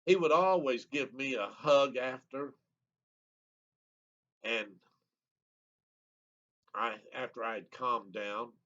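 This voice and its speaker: Old guy in his 70s reading his memoir real slow, mid-pitched voice, kinda muffled lo-fi sound. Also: a bit bright. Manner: unhurried, reminiscing, plain-spoken. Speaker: memoir author reading his own story. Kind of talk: reading a personal memoir aloud. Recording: slightly muffled lo-fi recording.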